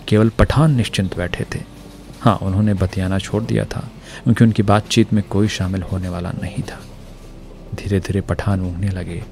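Low gravelly male storyteller. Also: a little mellow, slight background noise. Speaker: narrator. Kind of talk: storytelling narration. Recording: narration with faint music.

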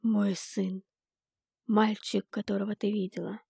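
Woman reading calm steady mother figure, soft and slow, gravelly, dry audiobook sound. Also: mid-range voice, no echo. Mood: pleading. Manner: calm, quiet, slow and measured.

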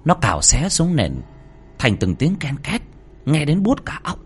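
A man's voice: fairly high pitch, huge pitch swings, measured pace, slightly rough. A man reading a horror story aloud in a dramatic, swinging delivery, with faint music underneath. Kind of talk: scripted horror narration.

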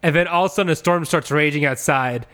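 A man with a slightly high voice, riffing casually through a joke pitch. He rambles, stacking "like" and "you know" as he goes, keeping a loose, unhurried comic delivery. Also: a bit bright. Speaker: comedy podcast host pitching ideas.

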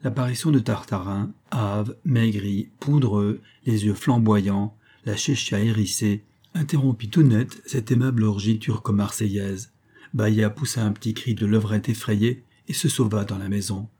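A man narrating a classic novel in a measured, expressive reading. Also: on the low side, husky. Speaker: audiobook narrator.

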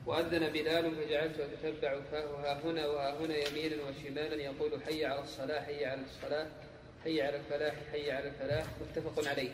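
A man reading a text aloud to his teacher, rushing through it in a flat monotone. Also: on the high side, background noise. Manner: reads rapidly in a flat monotone. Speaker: student reading a hadith aloud. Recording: echoey hall with a gathered crowd, heard from afar.

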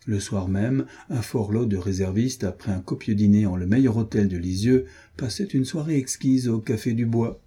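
Low husky guy reading a story aloud, dark mellow tone, steady pace. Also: moderate pace, few pauses. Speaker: audiobook reader. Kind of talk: storybook narration.

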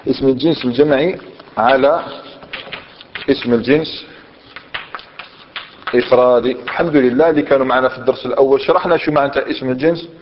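A man's voice: medium pitch, fast talker, pauses often, a little hiss or hum. A man teaching a grammar lesson, quizzing his students and mixing dialect into his explanations. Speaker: Islamic scholar teaching Arabic grammar. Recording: dull lo-fi sound, long hall reverb.

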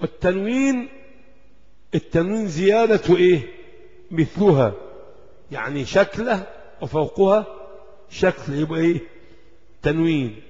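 A man's voice: high voice, a little mellow. A man with an Egyptian Arabic accent giving a religious lesson, posing rhetorical questions to his class and answering them himself. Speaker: Islamic lecturer. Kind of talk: religious lesson explaining Quran script. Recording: dull reverberant lecture hall recording.

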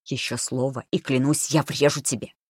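A woman's voice: a bass voice, steady tone, moderate pace, a little mellow, breathy edge, no room sound, clean studio sound. Woman reading as a menacing young man. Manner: drawling, threatening.

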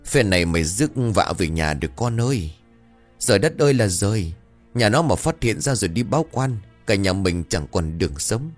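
A man's voice: fairly low pitch, sing-song, normal speed, faint music behind. A man voicing an anxious village wife and mother who speaks in a trembling, pleading way. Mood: fretful.

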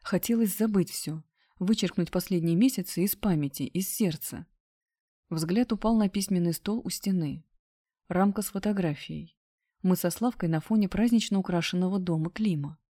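A woman narrating a first-person story in a steady, subdued reading voice. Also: on the low side, normal speed. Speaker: audiobook narrator.

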